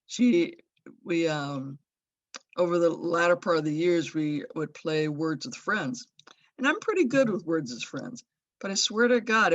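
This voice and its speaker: Speaking at a remembrance over a video call, a sixty-something Los Angeles woman rambles fondly about an old friend, warm and given to loving laughs. Her voice sits lowish, and the audio comes through dry and muffled.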